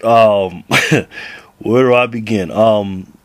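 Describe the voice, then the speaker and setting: A man in his late thirties talks casually to camera about basketball, rambling, restarting sentences and laughing often. His voice sits low. The sound is dry and close, with no room echo. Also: extremely slow. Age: 30s. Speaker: basketball vlogger.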